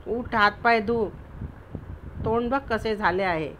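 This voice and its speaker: A woman reading a stern, practical father in a storybook tale, matter-of-fact and brisk. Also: fairly high pitch, fairly bright tone, slight background noise, rough recording.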